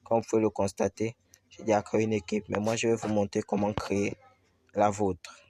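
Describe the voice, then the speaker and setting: A man walking viewers through a video game menu step by step, slowly and with lots of repetition. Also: on the low side, completely flat delivery. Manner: slow step-by-step explaining, repeats himself. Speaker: gaming tutorial host. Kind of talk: screen-recorded game tutorial. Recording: loud background noise.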